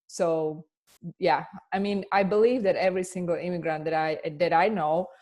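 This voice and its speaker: A woman's voice: fairly low pitch, fairly even intonation, normal speed, a little mellow. A woman from Slovakia with a Slovak accent, an immigration attorney answering interview questions earnestly, often restarting her sentences. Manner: earnest, with frequent fillers and restarts. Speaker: immigration attorney and business coach.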